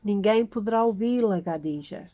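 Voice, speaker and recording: A woman's voice: mid-range voice, normal speed, dry recording, highs cut off, lightly acted. A woman reading the lines of a drunk, toothless, bearded man in a storybook, giving him a mocking, menacing drawl. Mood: leering.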